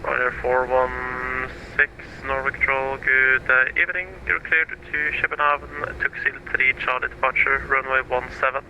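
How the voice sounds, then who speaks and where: This air traffic controller speaks at medium pitch in a level tone, moving at a moderate pace with few pauses. His formal, clipped procedural instructions come through as a muffled, noisy aviation radio transmission.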